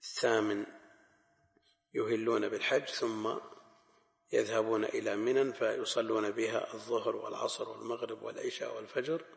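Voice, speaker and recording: A man teaching a classical Arabic lesson on hadith, explaining in a measured way and repeating key phrases for emphasis. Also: lowish voice, little pitch movement, creaky. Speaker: Islamic scholar teaching hadith. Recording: echoey hall with long reverb.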